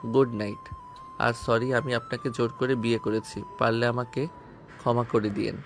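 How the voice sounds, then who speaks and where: An actor with a Bengali accent playing a devoted young husband who speaks softly and earnestly in an audio story. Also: male voice, medium pitch, level tone, moderate pace, faint music behind, natural voice. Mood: pleading. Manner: soft, earnest and tender.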